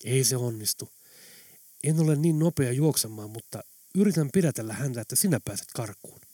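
A man voicing a serious, brave male captive who talks in a hushed, urgent way. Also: medium pitch, expressive, breathy edge, dry recording.

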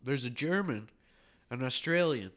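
Animated joke-telling male podcast host. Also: medium pitch, measured pace. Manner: animated, laughs at own jokes. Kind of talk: casual chat, joke telling.

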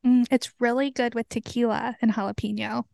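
A high-pitched woman chatting casually on a podcast, laughing a lot and sounding a little self-conscious. Her voice sits close and dry on the mic with no room sound. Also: level tone, brisk, creaky, darkish tone, no room sound. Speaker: podcast co-host. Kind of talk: casual chat.

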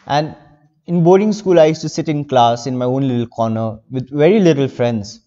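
An Indian teenage boy, a young novelist, speaks earnestly as a guest in a casual interview, rambling with lots of fillers. His voice is mid-range and mellow at a moderate pace, recorded muffled in a large hall.

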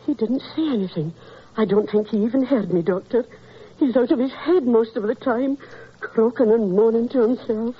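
A woman's voice: on the high side, moderate pace, slight background noise, lightly acted. An actress playing a distraught, tearful landlady who pleads and stammers, in 1940s radio acting. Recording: muffled old radio broadcast.

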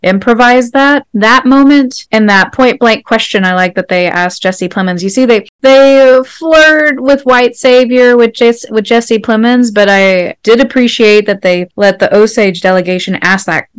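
A woman talking casually in a group discussion, her voice smooth and clear. She laughs easily and acts out quotes with animated energy. The sound is dry and close. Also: on the high side, measured pace, hardly any pauses, no room sound. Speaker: podcast host, Osage citizen.

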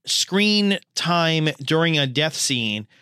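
A man co-hosting a casual movie podcast, his voice pitched a touch high and swinging widely as he talks. He adds quick asides and acts out his own reactions. The sound is close and dry. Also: lively intonation, bright, forceful tone, smooth, no room sound. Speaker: podcast co-host.

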